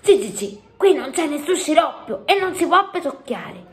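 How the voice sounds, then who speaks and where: A sensible little girl, as a woman puts her on while reading aloud, firm and a little scolding. Her lines rise high and urgent. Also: very animated, a little slow.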